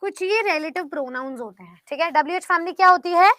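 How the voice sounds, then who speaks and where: A woman's voice: very high-pitched, fast, fairly bright tone, no room sound. A woman teaching English grammar in an online class, explaining step by step and praising students by name.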